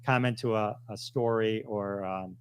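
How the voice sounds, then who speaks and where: A man's voice: lowish voice, fairly even intonation, unhurried, clear, resonant tone. A man talking as a podcast guest, explaining in a loose, rambling way with frequent restarts and easy laughter. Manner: rambling, self-correcting, laughs easily. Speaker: podcast guest, software founder. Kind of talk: casual conversational explaining.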